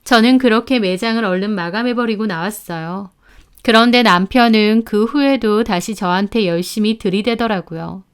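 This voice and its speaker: Smooth-voiced woman narrating a story. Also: mid-range voice, moderate pace.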